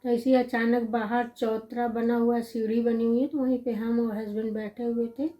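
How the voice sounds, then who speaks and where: A middle-aged woman casually telling a personal family story, in a gentle, reminiscing way with repetitive lists. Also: a little high, flat delivery, moderate pace, low-quality recording. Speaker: vlogger recalling her family life.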